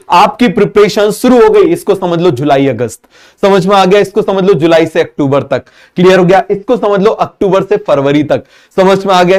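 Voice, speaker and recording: A man teaching a biology exam-prep lesson with a Hindi accent, talking fast and constantly quizzing students with repeated questions. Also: sits high, a little mellow.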